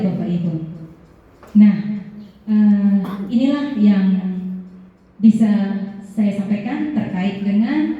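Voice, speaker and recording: A woman's voice: on the high side, dark tone. A woman teacher giving an earnest explanatory presentation to fellow teachers. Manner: earnest, explanatory, addresses audience as Bapak Ibu. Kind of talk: classroom presentation. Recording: roomy hall, voice from far off, dull sound.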